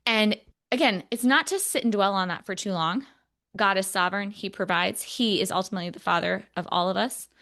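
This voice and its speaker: A woman co-hosting a casual podcast speaks earnestly and reflectively, using many fillers, emotional and close to tears. Her voice is medium-pitched, a bit bright, and fairly quick.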